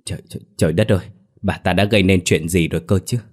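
A man voicing a gruff bewildered house master. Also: low-pitched, brisk. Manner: gruff, stammering in shock.

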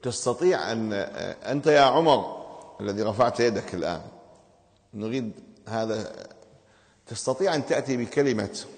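A man's voice: mid-range voice, expressive, moderate pace, gravelly, pauses often, in a large hall. A man teaching grammar to a class, asking the students questions and explaining each step insistently.

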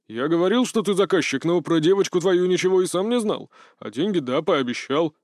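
A man's voice: high-pitched, lively intonation, brisk, dry recording, studio quality. A man voicing a stern yet apologetic old man in an audiobook, hissing reprimands.

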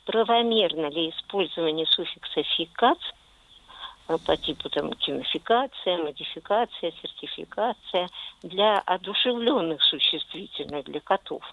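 A woman's voice: lowish voice, animated, moderate pace, a bit bright, poor audio. A woman calling in to a radio show and asking a long question in an earnest, hesitant way. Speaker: caller.

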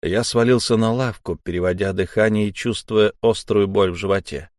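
A man's voice: on the low side, fairly even intonation, moderate pace, darkish tone, no room sound. Man narrating a story, dry close sound. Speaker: audiobook narrator. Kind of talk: first-person story narration.

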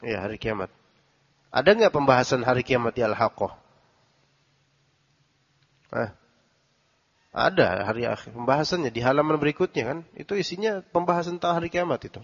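A man's voice: mid-range voice, lively intonation, brisk, long pauses. A man teaching a religious study lesson, translating Arabic text phrase by phrase and quizzing his listeners. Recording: dull recording with long hall reverb.

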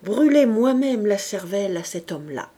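Grave quiet old ex-convict, as a woman reads him, slow and measured, audiobook. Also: mid-range voice, very animated. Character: aging male former convict, grave and quiet.

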